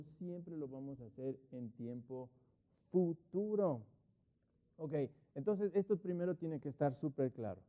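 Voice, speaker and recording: A middle-aged man teaches an online English class, his voice a little higher than most men's. He explains patiently, checks in with the class, and slows right down to spell out each English example. The sound is thin and phone-like. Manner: patient explaining, asks rhetorical questions, drops to writing pace on English examples.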